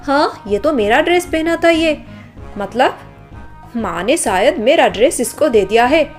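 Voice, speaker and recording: A woman's voice: high voice, lively intonation, measured pace, soft background music. A woman voicing an arrogant, spoiled young woman from a rich family who scolds and sneers, in a storybook drama. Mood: haughty scolding.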